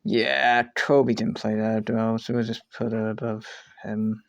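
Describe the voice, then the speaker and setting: Rambling, swearing man with a smooth voice. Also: on the low side, completely flat delivery, unhurried, no room sound. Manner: rambling, swears casually, trails off and restarts. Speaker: video creator ranking show contestants. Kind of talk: casual commentary while making a tier list.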